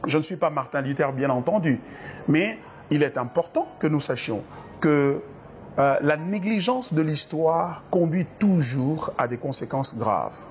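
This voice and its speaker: Slight background noise sits behind this Congolese pastor, whose voice is a little high, expressive, and unhurried. He responds to interview questions on church doctrine in an earnest, preacher-like style full of hesitations and repeated words.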